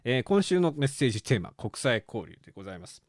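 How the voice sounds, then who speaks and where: Solo podcast host, male; animated and self-mocking, dry close sound. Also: mid-range voice, fast talker, dry recording. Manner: animated, self-mocking, laughs often at his own jokes. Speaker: podcast host reading listener letters. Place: small room at home.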